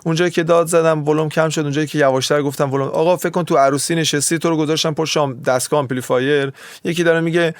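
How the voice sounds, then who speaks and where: Casting: slightly high-voiced man, music producer teaching mixing, loose and digressive, dry room. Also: fairly even intonation, hardly any pauses, dry recording. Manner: chatty, digressive, often waves off his own tangents. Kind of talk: casual screen tutorial.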